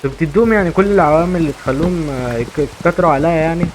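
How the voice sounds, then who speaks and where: Fast-talking Egyptian man commenting on gameplay. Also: fairly high pitch, background noise. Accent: Egyptian Arabic. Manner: chatty, talks to viewers, repeats himself. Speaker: gaming YouTuber.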